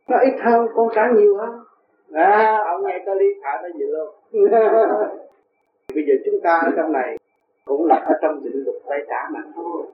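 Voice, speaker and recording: Male teacher, folksy parable-teller, fairly high voice; tinny, echoey old tape with hiss. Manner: folksy storytelling, asks "see?" often. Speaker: spiritual teacher. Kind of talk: spoken dharma talk.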